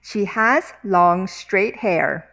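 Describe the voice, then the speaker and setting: A woman teaching vocabulary, saying each word slowly and deliberately, repeating words and sentences one piece at a time. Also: mid-range voice, creaky, sharp tone. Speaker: language teacher. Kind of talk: vocabulary lesson with repetition.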